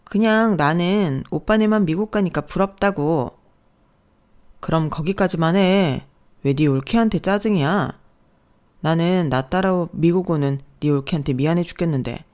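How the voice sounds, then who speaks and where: A stern husband reproaching his younger sister, as a woman narrator plays him. The voice stays low and mellow, firm rather than loud, in a storybook radio reading. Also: moderate pace, natural voice. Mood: scolding.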